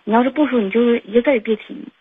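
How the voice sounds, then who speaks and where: A woman's voice: a little high, very fast, breathy edge. A woman, calling in and telling a personal story in a rambling way, full of fillers and restarts. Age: 20s. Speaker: caller. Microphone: phone. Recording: tinny phone line.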